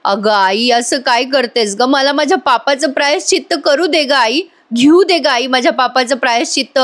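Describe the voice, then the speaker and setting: A woman's voice: steady tone, normal speed, a bit bright, close to an everyday voice. A woman voicing a scheming young daughter-in-law who begs her family in a tearful, stammering voice. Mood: pleading. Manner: sobbing, begging, high and stammering.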